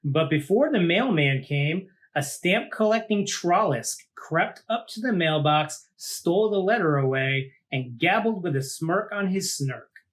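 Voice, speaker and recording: Reading a picture book to children, this teacher keeps things informal and expressive with off-the-cuff asides. He has a high-pitched voice, a measured pace, and few pauses.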